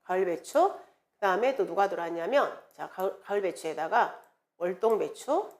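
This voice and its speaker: Lively woman teaching an exam lecture. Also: mid-range voice, normal speed. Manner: animated, repeats key words, playful mnemonic chanting. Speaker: exam prep instructor.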